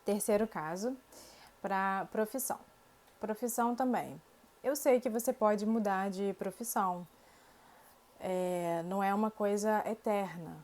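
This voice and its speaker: A Brazilian woman with a Brazilian Portuguese accent, a Portuguese teacher giving a language lesson to camera, speaking clearly and slowly through spoken examples. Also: medium pitch, a little mellow.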